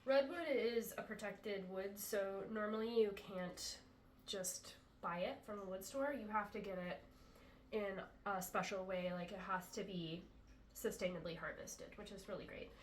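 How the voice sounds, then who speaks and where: A woman who makes flutes by hand, from the US Pacific Northwest, gives a relaxed, chatty demo of her products to the camera indoors, full of ums and a little congested after a cold. She speaks at a measured pace in a medium-pitched voice. The echoey room and distant, off-mic recording add a little hiss or hum.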